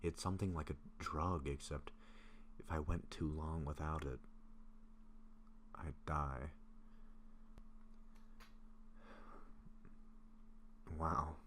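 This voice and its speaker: In an intimate roleplay audio drama, a man voices a gentle, self-doubting vampire confiding in his best friend, sounding troubled and sick with occasional coughs. His voice is extremely deep, and he speaks slowly and haltingly with soft affection. A faint, steady background noise sits behind the recording.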